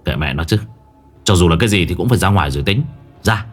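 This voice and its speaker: A man voicing a blunt young male exorcist who speaks gruffly and urgently. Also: lowish voice, big pitch swings, measured pace, faint music behind.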